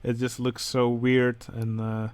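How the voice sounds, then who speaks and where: A man with a Dutch accent, speaking English as a second language, who hosts a channel and comments casually on game contest entries, pausing often with filler sounds. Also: medium pitch, completely flat delivery, darkish tone, clear, resonant tone, faint music behind. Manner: hesitant, many filler sounds. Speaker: channel host judging a building contest.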